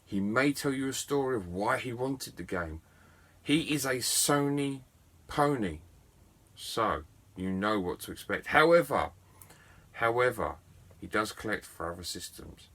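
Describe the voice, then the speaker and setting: A man's voice: medium pitch, animated, a little slow, fairly bright tone. A middle-aged man, a game collector telling a story to camera in a chatty, enthusiastic and self-mocking way. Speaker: video game collector vlogger.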